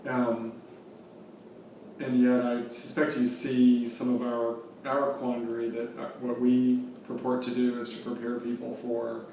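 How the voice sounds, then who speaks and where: A man playing a calm university administrator in a role-play meeting, speaking in a measured way and back-channeling often. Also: medium pitch, vocal fry. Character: calm male university official hearing a request. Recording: echoey room, distant mic, faint noise.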